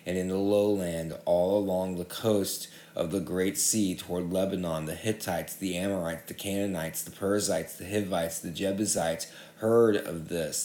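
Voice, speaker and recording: A man giving a measured, steady public reading of Bible passages. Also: sits low, reverberant. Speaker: scripture reader.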